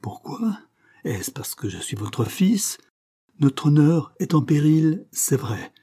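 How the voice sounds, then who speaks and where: Desperate young accused guy, pleading hard, husky mellow voice, read by a man. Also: on the low side, steady tone, normal speed. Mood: impassioned. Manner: impassioned, pleading and rising to outbursts.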